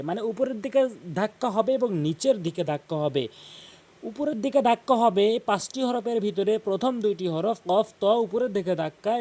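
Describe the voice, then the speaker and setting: High-voiced Bangladeshi man teaching Quran reading. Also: a little mellow. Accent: Bangladeshi Bengali. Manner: slow, drawn-out recitation of syllables between explanations. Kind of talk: spelling out and reciting Arabic letter by letter.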